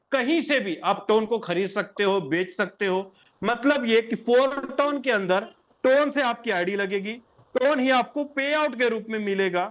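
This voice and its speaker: A man with a notably high voice delivers an online sales pitch, pushing hard and hammering the same points again and again. He keeps addressing the listener as sir and brother. The recording sounds dull and lo-fi. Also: a bit bright. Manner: emphatic, repeats key points. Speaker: business plan presenter.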